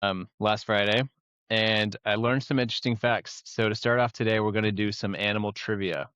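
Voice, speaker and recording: A man's voice: on the low side, steady tone, normal speed, a bit bright, clean tone, no echo, muffled recording. A young man hosting a casual podcast chat, running a trivia quiz and laughing often. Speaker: podcast host.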